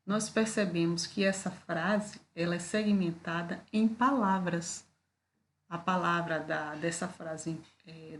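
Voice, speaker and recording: Brazilian woman, lowish voice, patient explainer for a video lesson, slight background hiss. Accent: Brazilian Portuguese. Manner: explanatory, with frequent "tá?" and "né?" check-ins. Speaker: teacher. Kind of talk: video lecture.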